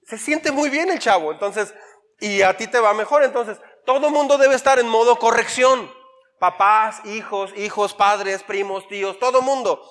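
High-voiced pastor preaching casually. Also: male voice, moderate pace, fairly bright tone, long reverb tail. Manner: conversational preaching with acted-out quotes and humor. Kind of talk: sermon.

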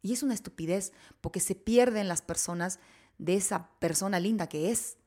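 A woman's voice: mid-range voice, normal speed, mellow. A woman, hosting a casual chat in a reflective, confiding way. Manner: reflective, confiding, says "pará" and "vos".

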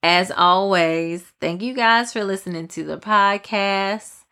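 A woman's voice: medium pitch, slow pace, pushed and bright. A woman with a Southern US accent hosting her own podcast, talking casually and ranting with rhetorical questions. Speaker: podcast host. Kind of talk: casual solo podcast commentary.

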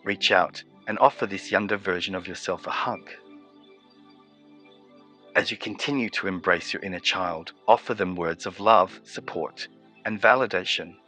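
Low-voiced, calm male meditation guide. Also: soft background music. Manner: slow, soothing, evenly paced instructions.

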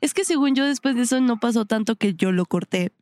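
A woman's voice: on the high side, expressive, a little fast, darkish tone, dry recording. A young woman with a Mexican accent telling a personal story on a podcast, slangy and frank, often breaking into laughter. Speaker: podcast co-host. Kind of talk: casual chat.

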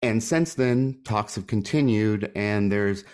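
A man hosting a podcast, chatty and self-deprecating, giving his opinion in a relaxed talk. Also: lowish voice, takes it slowly. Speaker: podcast co-host. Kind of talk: casual podcast chat and commentary.

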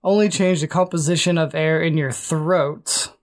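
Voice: medium pitch, fairly even intonation, normal speed. Chatty host reading monster lore. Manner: chatty, reads passages aloud with fillers. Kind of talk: casual chat.

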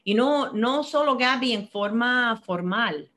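A middle-aged finance professional, born in Cuba and raised in Miami, answers interview questions earnestly and reflectively, often repeating words while she searches for the next one. Her voice is fairly high, animated and fairly bright, and she speaks slowly.

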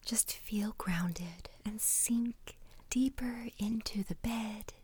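A woman guiding a relaxation exercise in a soft, soothing ASMR whisper, breathy and gentle, close to the microphone. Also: mid-range voice. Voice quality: breathy, unvoiced. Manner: slow, unhurried instructing with pauses.

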